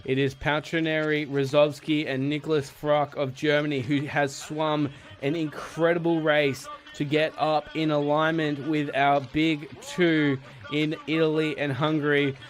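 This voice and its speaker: A man giving live play-by-play sports commentary, building to excited calls at the finish. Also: on the high side, a little slow, few pauses.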